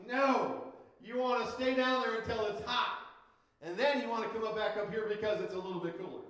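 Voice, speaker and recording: A high-voiced male pastor with a Minnesotan accent preaches in a lively, conversational way, breaking into quick asides. His voice rings around a roomy, echoing church sanctuary. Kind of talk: sermon.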